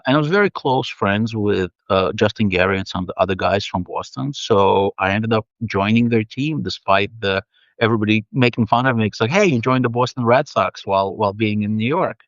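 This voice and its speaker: A Russian-speaking man originally from the Soviet Union chats thoughtfully as a guest on a video call, in a casual interview full of fillers and restarts. His lowish voice comes through muffled, with no room sound.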